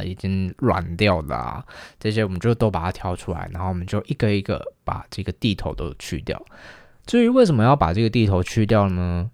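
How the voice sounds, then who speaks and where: A young man telling a casual, lively story, acting out the lines of the people in it. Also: on the low side, clear, resonant tone, no room sound, clean studio sound. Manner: chatty, animated retelling with quoted dialogue.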